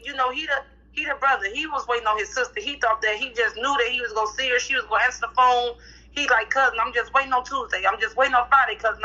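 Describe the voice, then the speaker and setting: A woman's voice: a little high, sharp tone. A woman in her thirties answering questions in a casual street interview, candid and slangy, often repeating and restarting her words. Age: 30s. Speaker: interview guest, cousin of the family. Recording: lo-fi street recording.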